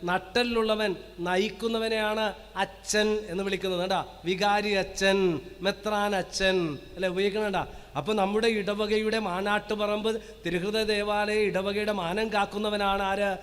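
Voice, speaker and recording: A priest preaches in a high, carrying voice that rings through a church hall's long reverb. He fires rhetorical questions at the congregation and draws out key words slowly so they will repeat them. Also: little pitch movement, a bit bright. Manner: rhetorical questions with call-and-response; slow emphatic listing of words. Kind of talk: parish sermon to a live congregation.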